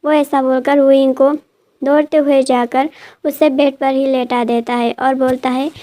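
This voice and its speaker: A woman's voice: high voice, level tone, a little slow, warm tone. A woman narrating the plot of a drama in a plain, repetitive way with small restarts.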